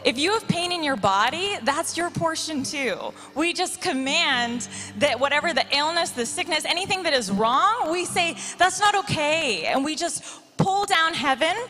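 A woman telling a church testimony with emphatic, often excited delivery. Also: high voice, long reverb tail. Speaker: church member sharing a testimony.

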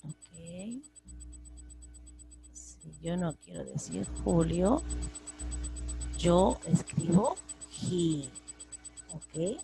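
A woman's voice: fairly low pitch, expressive, very slow, gravelly, long pauses, music in the background, low-quality recording. A woman teaching English grammar, patiently repeating each example in both languages. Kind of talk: slow classroom explanation, mixing Spanish and English.

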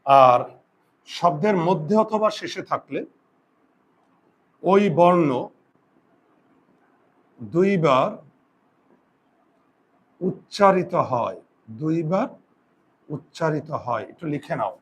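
A man teaching a grammar lesson, dictating rules slowly and asking students questions that he then answers himself. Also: on the high side, expressive, breathy edge. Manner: slow deliberate dictation of rules. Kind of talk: classroom lesson.

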